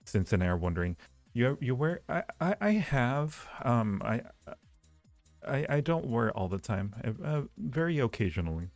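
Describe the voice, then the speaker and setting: With a mid-range, sing-song, slightly mellow voice at normal speed, a male livestream host flirts and jokes casually with his viewers, frequently repeating himself. The recording has a roomy echo and faint music in the background.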